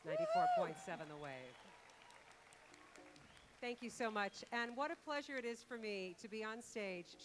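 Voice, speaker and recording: A middle-aged woman radio host speaks from an outdoor concert stage, chatty and generous with thanks. Her voice sits at a middling pitch over a faint hiss. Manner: warm effusive thank-yous, chatty. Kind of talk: on-stage emcee address.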